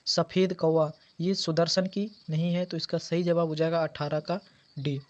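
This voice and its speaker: A man's voice: a little high, level tone, normal speed. A man teaching an exam preparation lesson, going through quiz answers and patiently repeating key words. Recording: dull lo-fi audio.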